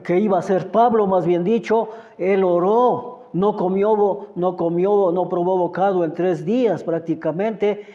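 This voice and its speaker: A man's voice: high voice, warm tone. A man preaching a Bible study sermon, reading verses and reflecting on them, often asking "¿no?". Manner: slow, reflective, asks "¿no?" often. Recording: muffled sound with long reverb.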